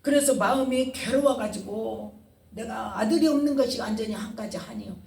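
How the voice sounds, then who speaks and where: A woman's voice: on the high side, moderate pace, creaky, darkish tone, roomy sound, far from the mic. A woman pastor preaching a sermon, asking the congregation questions and retelling scenes with feeling. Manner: call-and-response questioning, dramatic retelling.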